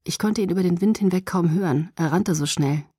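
A woman reads a novel aloud in the first person, soft and hushed, sometimes near a whisper. Her voice is low, mellow and breathy. The sound is close and dry. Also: a little fast, no room sound. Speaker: audiobook narrator.

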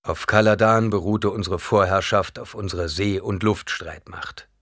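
A man reading an audiobook, voicing a weary, fatalistic noble duke who speaks gravely to his son. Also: low-pitched, steady tone, moderate pace, fairly bright tone, dry recording, clean studio sound.

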